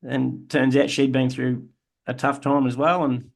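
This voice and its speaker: A man's voice: medium pitch, level tone, measured pace, creaky. Earnest Australian man telling his story. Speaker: podcast co-host. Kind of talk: casual chat.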